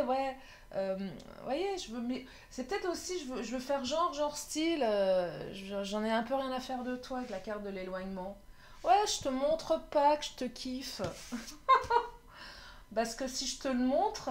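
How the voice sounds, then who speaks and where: A woman gives a relaxed love tarot reading into a close mic. She talks slowly in a fairly high voice. She chats, laughs often and sometimes stumbles over her words. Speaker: tarot card reader.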